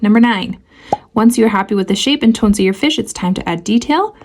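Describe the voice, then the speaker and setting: Woman, mid-pitched voice, casual painting tutorial, sarcastic playful asides, home studio. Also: expressive, fairly quick, a little mellow. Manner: sarcastic, playful asides between read-out steps. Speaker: art tutorial host.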